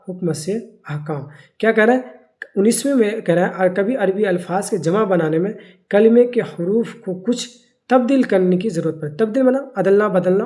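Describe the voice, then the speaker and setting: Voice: medium pitch, a little mellow. Teacher drilling grammar through questions. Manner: asks the class questions and answers them himself; repeats key words slowly for drilling. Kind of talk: grammar lesson.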